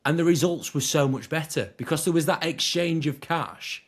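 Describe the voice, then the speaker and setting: Man, relaxed storytelling guest. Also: on the high side, normal speed. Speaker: podcast guest, personal trainer. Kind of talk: casual podcast chat.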